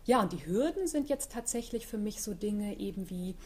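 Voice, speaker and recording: Middle-aged woman, author guest, chatty and reflective, average pitch. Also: lively intonation, normal speed, darkish tone, a little hiss or hum. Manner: reflective, chatty, many fillers. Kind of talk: casual interview talk.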